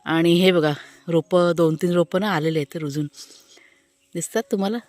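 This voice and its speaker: A woman's voice: on the low side, normal speed, a little mellow, no room sound. A woman vlogging casually outdoors in her garden, chatting to viewers and explaining what she shows. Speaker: family vlogger. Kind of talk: casual vlog walkthrough talking to viewers.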